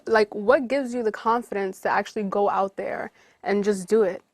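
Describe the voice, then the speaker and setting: Woman host, encouraging interviewer, middle pitch, dry recording. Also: fairly even intonation, no echo. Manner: upbeat, encouraging, quick follow-up questions. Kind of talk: casual interview.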